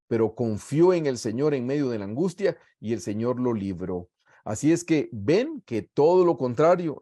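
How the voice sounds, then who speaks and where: A man's voice: mid-range voice, dark tone. A middle-aged man with a Guatemalan accent teaching a Bible study in a sermon style over a video call. He reads scripture aloud and then explains it earnestly to his listeners. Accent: Guatemalan Spanish.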